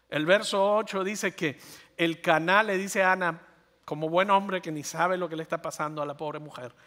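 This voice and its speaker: A man in his fifties preaches with a high, tense, forceful voice. He is animated and keeps turning to his listeners with rhetorical questions. His voice rings out with a long reverb, as if in a large hall. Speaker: pastor. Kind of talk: sermon.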